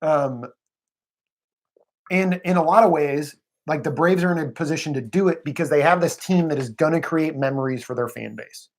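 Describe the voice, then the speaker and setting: A man's voice: a little high, normal speed, darkish tone. A man co-hosting a live stream, chatting casually about baseball and often hedging his points. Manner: musing, hedging, says "I don't know" often.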